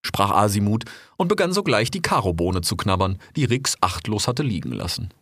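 Male narrator for an audio drama, lowish voice, dry close recording, calm and measured. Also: no echo. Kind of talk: scripted story narration.

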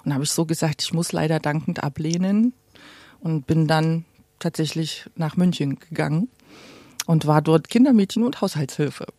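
Speaking at a normal pace in a low, dark-toned voice, this late-40s podcast guest from Gera in eastern Germany chats about her life through conversational stories. The recording has no echo.

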